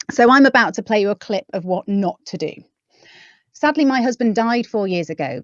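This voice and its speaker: A woman's voice: medium pitch, dry recording. Lady voiceover pro chatting on a webinar, dry close sound, bit dull like a call line. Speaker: voiceover artist and webinar co-host. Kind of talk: casual webinar talk. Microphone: audio-only call microphone. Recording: dull, slightly lo-fi call audio.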